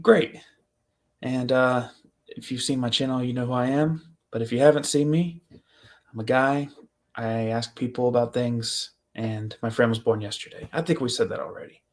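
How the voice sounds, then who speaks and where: A man's voice: mid-range voice, steady tone, normal speed. A man hosting a casual interview, rambling with many fillers and a playful tone. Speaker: host.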